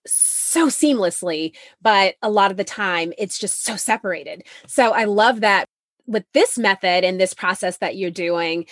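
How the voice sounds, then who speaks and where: A woman hosts a podcast interview, conversationally responding to her guest with effusive, enthusiastic praise. Her voice is medium-pitched and a bit bright, in a dry, studio-quality recording.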